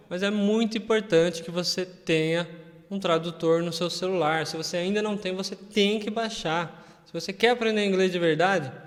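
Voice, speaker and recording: A man's voice: high-pitched, long reverb tail. A Brazilian man teaching English in a casual video lesson, chatty and often checking that viewers follow. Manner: chatty, keeps checking in with listeners.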